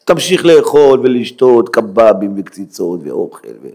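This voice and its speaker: Rabbi guy preaching, drops almost to a whisper then gets loud, lots of rhetorical questions, average pitch. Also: animated. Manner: dramatic, swings from hushed near-whisper to loud exclamations. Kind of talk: Hebrew sermon.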